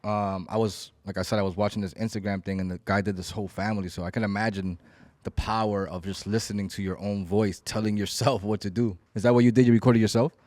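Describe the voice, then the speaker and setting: A man's voice: on the low side, fast, no echo. Reflective man in his thirties, casual. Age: 30s. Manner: relaxed, reflective, swears freely. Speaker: podcast host. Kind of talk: casual chat.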